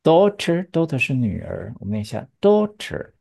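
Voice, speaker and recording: Gravelly, lively teacher drilling English words. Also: female voice, a bass voice, normal speed. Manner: patient, drills words, asks rhetorical checks. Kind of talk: bilingual English pronunciation lesson.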